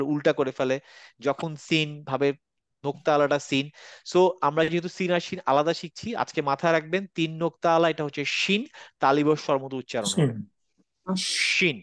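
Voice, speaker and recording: A man teaching an online class in a fairly high, dry, close voice. He is patient and models each sound slowly so that students can repeat it. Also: clear, resonant tone, no echo. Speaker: Quran reading teacher.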